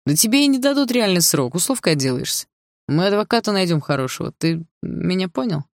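An audiobook reader voicing a scheming young older brother who lectures and quietly threatens. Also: medium pitch, big pitch swings, a little fast, no room sound, studio quality, pitched above the performer's own voice. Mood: threatening. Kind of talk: audiobook dialogue.

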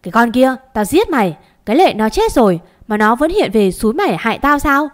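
A woman's voice: fairly high pitch, lively intonation, fairly quick, fairly bright tone. A woman voicing a vengeful, jealous young wife who screams accusations in a storybook reading. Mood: furious.

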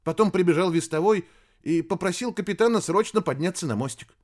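A man's voice: high voice, expressive, a little fast, a little mellow, pitched above the performer's own voice. A man voicing a nervous young male radio operator in an audiobook, talking in a shaky, frightened way. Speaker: audiobook character.

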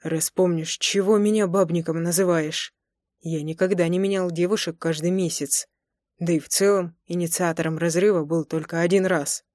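A woman voicing a teasing, tender young man in an audiobook, speaking low and slow in a murmur. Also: fairly even intonation, a little mellow, dry recording, clean studio sound, lightly acted. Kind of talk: audiobook character voice.

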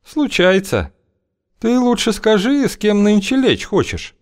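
A man's voice: high-pitched, big pitch swings, measured pace, pitched above the performer's own voice. A man reading an audiobook, voicing a bold, scheming older woman matchmaker who talks in a languid, teasing, coaxing way.

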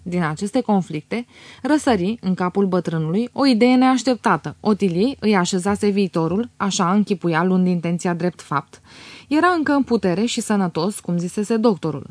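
Brief: female audiobook narrator, measured literary reading, dry close mic. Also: medium pitch, lively intonation, a little mellow, no echo. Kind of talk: scripted narration.

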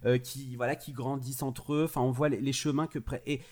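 A man's voice: mid-range voice, level tone, a little fast, darkish tone. A man chatting casually as a film reviewer, enthusiastic and often restarting his phrases.

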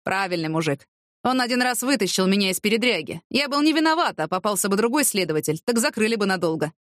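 A wry, streetwise homeless man who drawls his mocking slang and likes to philosophize, as a woman reads him out. The pitch swings widely from line to line, and the sound is dry and close. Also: expressive, quick pace, fairly bright tone, no room sound, lightly acted.

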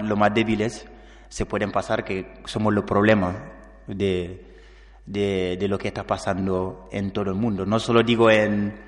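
Low-voiced man from Senegal in a hall. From Casamance, southern Senegal. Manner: halting, searching for words, frequent restarts. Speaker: invited speaker telling his migration story. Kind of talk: public talk, personal testimony. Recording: long hall reverb.

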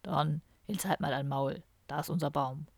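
A woman voicing a gruff, grumpy young man who drinks heavily, in a curt, muttering audiobook character voice. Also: deep voice, normal speed, a little mellow, no echo, voice pushed down, exaggerated voice. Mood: grumbling.

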